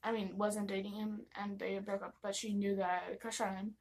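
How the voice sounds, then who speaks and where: A woman's voice: mid-range voice, level tone, brisk. A young American woman telling personal stories in a casual vlog, gossipy, giggly and rambling, acting out bits of dialogue as she goes. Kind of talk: casual confessional storytime.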